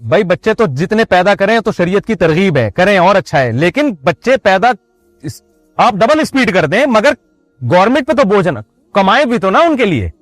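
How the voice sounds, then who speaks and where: A male preacher from Pakistan delivers a religious talk in a lively, chatty way, teasing his audience with jokes and rhetorical questions. His voice sits fairly high for a man. The recording is close and dry, with faint music underneath. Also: moderate pace, no room sound. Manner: conversational and joking, full of rhetorical questions. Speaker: Islamic preacher. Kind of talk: religious lecture.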